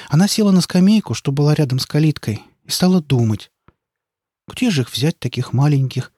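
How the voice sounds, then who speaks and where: A man reading a children's story aloud with lively, expressive narration. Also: medium pitch, breathy edge, dry recording, studio quality.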